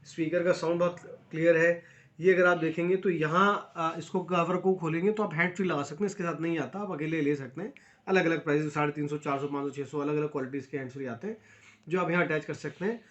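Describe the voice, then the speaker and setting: His voice a little high, steady in tone and fast, an Indian-accented man casually reviews a product step by step, sprinkling in English phrases and speaking to viewers as friends. The recording sounds dull and lo-fi, with faint noise and clicks.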